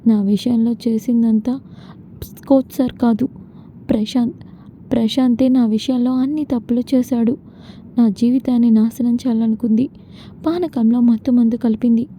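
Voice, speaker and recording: A woman's voice: on the high side, fairly even intonation, moderate pace, long pauses, warm tone, lightly acted. A woman voicing a grieving, remorseful young bride in a retold serial. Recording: dull lo-fi with faint noise.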